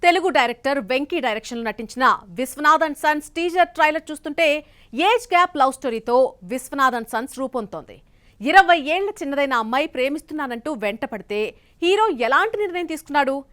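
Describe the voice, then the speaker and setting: A woman anchor introduces each story by posing questions in a headline delivery. Her voice is high. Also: lively intonation, fairly quick, fairly bright tone. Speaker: news anchor.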